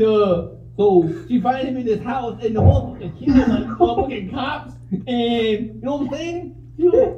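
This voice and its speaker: A brash, crude trash-talker, put on by a podcast co-host, swaggers through every line in heavy slang. His voice sounds dark and muffled. It is recorded in a roomy, lo-fi setting. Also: extremely high pitch, slight background noise. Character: brash trash-talking man sitting in as a guest.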